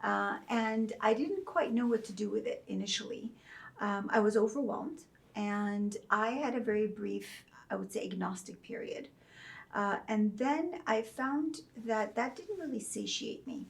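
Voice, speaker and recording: Speaking as a guest in a reflective interview, this Saudi Arabian religion professor has a creaky, medium-pitched voice. She shares her story thoughtfully and deliberately, often slipping in soft fillers.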